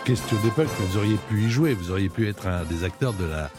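A man hosting a radio show, presenting a quiz question and interviewing a guest in a brisk, lively way. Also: low-pitched, over loud music. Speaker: radio host running a quiz.

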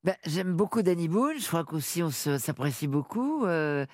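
Woman, 60s, from northern france, radio guest, lively, halting, dry studio sound. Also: deep voice, no room sound. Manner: lively, halting, full of restarts. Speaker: interview guest. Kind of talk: radio interview.

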